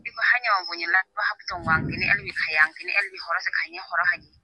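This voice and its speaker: A man's voice coming through a phone line, high and very bright with a dry, close sound. He talks fast in casual, chatty replies on a call. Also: fairly even intonation, breathy edge, no echo. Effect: heard over the phone. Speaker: person receiving a prank call.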